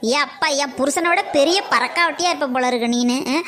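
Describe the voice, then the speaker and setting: A woman voicing a sharp-tongued, teasing cartoon woman who mocks her older sister. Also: high-pitched, a little fast, slight background noise. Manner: mocking, lively. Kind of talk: cartoon comedy acting.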